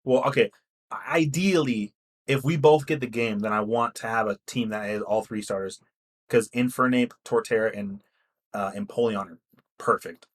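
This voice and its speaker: A man's voice: lowish voice, moderate pace. A young man co-hosting a podcast in casual chat, rambling and swearing freely. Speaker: podcast co-host.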